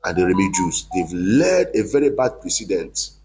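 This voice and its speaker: A man's voice: sits low, big pitch swings, normal speed, darkish tone, soft background music, rough recording. A man delivering a heated, accusing monologue to camera, repeating himself for emphasis. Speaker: online commentator.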